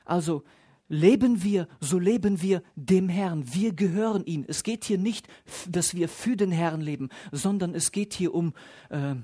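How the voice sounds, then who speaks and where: Slow, deliberate German-speaking preacher. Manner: slow and deliberate, rising loud on key points and dropping low to close them. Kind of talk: expository sermon.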